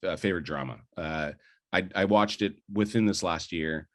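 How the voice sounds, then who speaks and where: His voice is low and a touch bright, moving at a moderate pace. He's a young adult podcast co-host in a casual movie debate, keen and rambling, with plenty of fillers and restarts.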